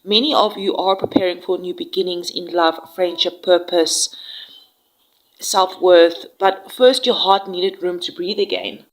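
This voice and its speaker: Unhurried and lowish, a woman's slightly nasal voice, thick with a cold, offers a gentle and soothing tarot reading with many fillers. The recording is rough.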